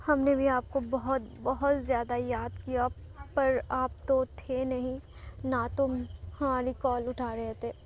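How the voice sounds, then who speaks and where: A woman's voice: high voice, flat delivery, slow pace, slight background noise. A woman voicing a shy, pouting young pregnant wife in a storybook audio drama. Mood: tender.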